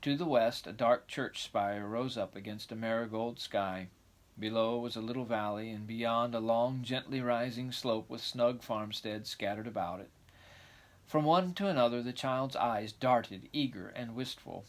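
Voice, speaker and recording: A man's voice: medium pitch, unhurried. Man reading a storybook aloud.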